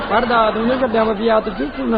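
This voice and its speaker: A woman's voice: a little high, fairly even intonation, fast talker, gravelly, a crowd in the background, background noise. A woman with a Neapolitan accent performing a stage comedy sketch, voluble and bantering. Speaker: comic performer. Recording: dull lo-fi old recording.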